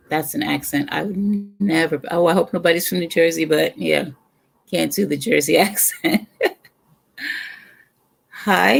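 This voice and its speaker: A middle-aged woman from the Bronx with a New York accent hosts a home livestream in a room with a brick wall, chatting casually with viewers. Her deep voice is gravelly and husky, and she rambles between sips of her drink.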